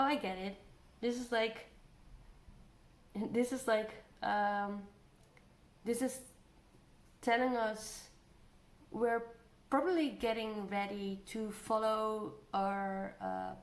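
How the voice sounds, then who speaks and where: A woman giving a casual tarot energy reading, thinking aloud, trailing off and repeating phrases as she goes. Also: fairly high pitch. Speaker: tarot card reader. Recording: roomy echo, clear background noise.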